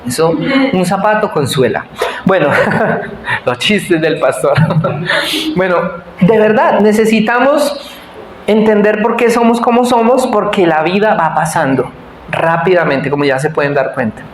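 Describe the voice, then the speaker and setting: Pastor, man, forties, high voice, chatty sermon, echoey church hall, faint noise behind. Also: unhurried. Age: 40s. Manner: conversational, self-deprecating, asks the congregation to answer.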